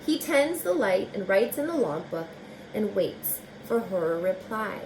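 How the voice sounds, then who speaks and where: A woman teacher with a sing-song, medium-pitched voice reads a children's book expressively over a noisy background. She addresses her young listeners directly with casual asides, keeping her phrasing slow and deliberate.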